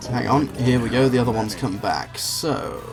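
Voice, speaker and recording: A man's voice: medium pitch, normal speed, vocal fry. A man hosting a let's play with casual, wry, rambling commentary addressed to the viewer. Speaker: gaming video host. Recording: game music behind the voice.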